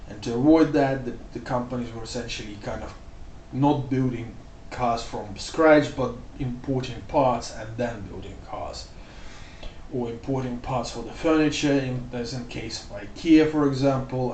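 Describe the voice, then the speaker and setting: Male vlogger, middle pitch, casual rambling commentary, slight room hum behind. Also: moderate pace, darkish tone. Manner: loose and rambling, full of "like" and "you know". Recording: roomy sound, mic off at a distance.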